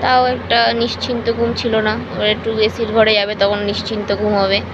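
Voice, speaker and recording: Young woman vlogger, chatty home talk, fairly high pitch, noisy backdrop. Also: little pitch movement, brisk, muffled recording. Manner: chatty, coos to her dog; hushed, speaking softly at night. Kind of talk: casual vlog chat.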